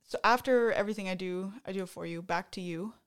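A Canadian woman co-hosts a podcast, casually recounting a concert with a playful, dryly teasing manner. Her medium-pitched voice is smooth and fast.

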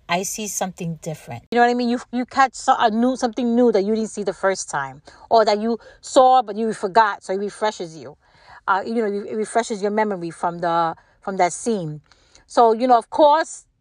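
A woman's voice: medium pitch, no room sound. Older woman chatting casually, close dry sound. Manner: repeats words and phrases for emphasis; conversational, checks in with rhetorical questions. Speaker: solo commentator. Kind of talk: casual rambling chat.

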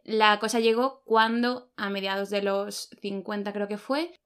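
A woman from Spain, chatting casually as a podcast co-host, laughing often and filling pauses with "eh". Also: medium pitch, fairly even intonation, a bit bright, clean tone. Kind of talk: casual chat.

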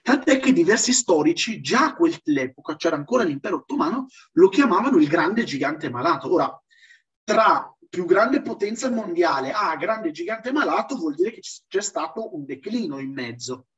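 A man's voice: a little high, lively intonation, normal speed, fairly bright tone. A man giving an informal online lecture in an explanatory, emphatic way, like a teacher who keeps checking that listeners follow. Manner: didactic, emphatic, often checking with "ok?". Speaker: lecturer in a religious history seminar. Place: live online seminar with chat. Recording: dull distant lo-fi microphone.

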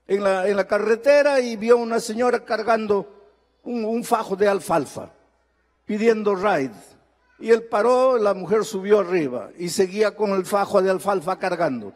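An older man from Peru, a pastor, preaching an emphatic sermon that swings between forceful and quiet storytelling. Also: extremely high pitch, long reverb tail. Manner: emphatic preaching with rising and falling intensity.

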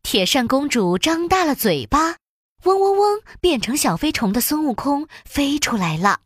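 A woman narrating a children's storybook in an expressive, sing-song storytelling way. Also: high voice, normal speed, no room sound, clean studio sound.

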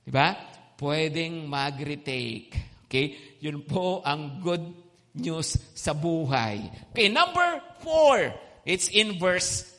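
A male preacher giving an animated sermon, mixing in English phrases and checking in with the crowd. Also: a little high, slow pace. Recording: long hall reverb.

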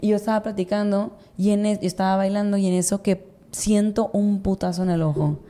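Young mexican woman on a podcast, rattling off a story super fast, low mellow voice, slangy and repeats herself a lot. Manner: slangy, animated, lots of fillers and repetition. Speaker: podcast co-host. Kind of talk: casual storytelling chat.

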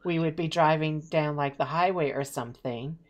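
Speaking at a moderate pace in a low voice, this young Eastern Ontario woman chats casually. Her storytelling is animated and talkative, packed with fillers.

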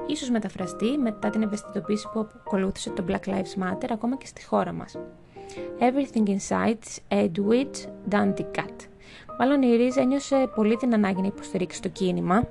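A woman's voice: medium pitch, creaky, hardly any pauses. A young adult woman chatting through a list of books, with wry asides and stumbles over foreign titles. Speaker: book vlogger. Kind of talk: casual book review narration. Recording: music playing behind the voice.

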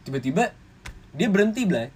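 A young man with a Jakarta slang accent telling an animated story in casual chat, swearing and acting out quotes. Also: high voice, normal speed, husky. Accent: Jakarta slang Indonesian. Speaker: podcast co-host telling a story.

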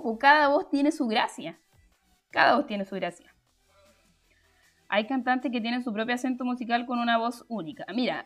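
A woman's voice: a little high, fairly bright tone. A young woman hosts a live stream, explaining her points chattily and answering the chat, with frequent fillers and restarts.

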